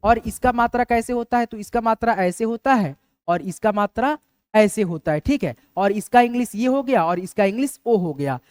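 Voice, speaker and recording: A man's voice: sits high, lively intonation, normal speed, clean tone, no room sound, clean studio sound. A man teaching a lesson, patiently spelling out words letter by letter and often checking in with his students.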